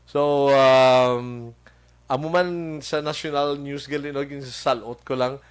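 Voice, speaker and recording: Slow, halting radio host man. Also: mid-range voice, fairly even intonation, clear, resonant tone. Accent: Hiligaynon. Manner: slow, halting, with many fillers and chuckles. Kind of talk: casual radio show chat with greetings to listeners. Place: radio studio.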